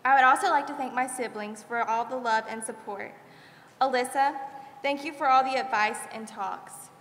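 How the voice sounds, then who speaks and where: A graduating senior girl in her late teens stands at a school chapel podium, sincerely reading a devout farewell speech full of thank-yous. Her voice is a little high and fairly bright, at a moderate pace. The chapel is echoey with long reverb, and there is a little hiss or hum.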